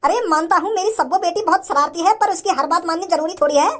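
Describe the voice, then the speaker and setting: A woman's voice: very high voice, quick pace. A woman voicing a stern, short-tempered middle-aged father in a comedy sketch, mocking and threatening in rustic speech.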